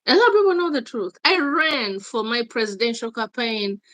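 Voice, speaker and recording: A Ugandan woman guest, an activist, is being interviewed in English and Luganda, and she repeats her points insistently and with emphasis. Her voice is a little high and fairly bright, very animated, at a moderate pace, with no echo.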